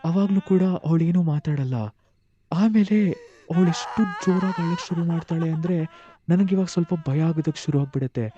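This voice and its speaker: A man tells a horror story in first person, his voice very mellow and somewhat high. He retells events with tense animation, and the recording sounds slightly dull and lo-fi. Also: normal speed.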